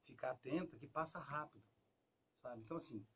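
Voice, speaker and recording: A man with a Brazilian Portuguese accent giving casual advice on a talk show, lively, acting out quoted lines and dropping to a soft, low voice. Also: brisk, crowd noise.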